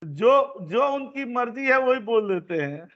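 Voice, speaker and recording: Speaking a little slowly, this male instructor has a very high-pitched, fairly bright voice with lively intonation. He leads an online class step by step, often repeating himself. The audio comes from a computer mic on a video call, giving a dull, lo-fi meeting sound.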